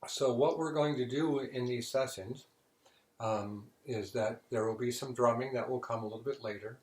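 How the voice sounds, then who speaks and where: A man hosting a casual spiritual session, telling stories in a relaxed way. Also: mid-range voice, normal speed, roomy sound. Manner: relaxed storytelling, joke-telling.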